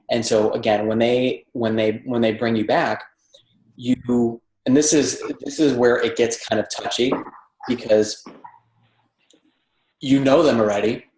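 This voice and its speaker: A man coaching applicants in a loose, chatty question-and-answer session, circling back and restarting phrases as he works out his point. His voice sits at an ordinary middle pitch. The room around him is echoey and roomy, as if he is talking from a bare home apartment. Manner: conversational, repeats and restarts phrases while thinking aloud. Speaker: dental residency interviewer and mentor. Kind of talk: informal advice session with audience questions.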